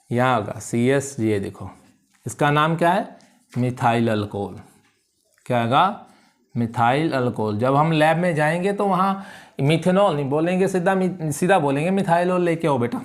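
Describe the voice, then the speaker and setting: A male chemistry teacher lecturing in a classroom, his voice sitting a little high for a man. He keeps checking that students understand and calls them "beta". He drags out key terms slowly so they can note them down. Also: lively intonation. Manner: checks understanding with repeated questions; repeats key words slowly for dictation.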